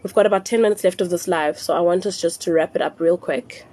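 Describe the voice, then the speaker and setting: A South African woman hosting a phone live stream, explaining rituals slowly and repeating her instructions, slipping into Zulu phrases. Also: lowish voice, darkish tone. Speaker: spiritual live-stream host.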